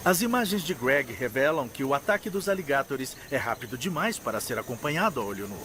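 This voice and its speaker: A man's voice: medium pitch, very animated, brisk, slight background noise. A man narrating a scripted nature documentary in a dramatic manner. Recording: loud music behind the voice. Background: loud music.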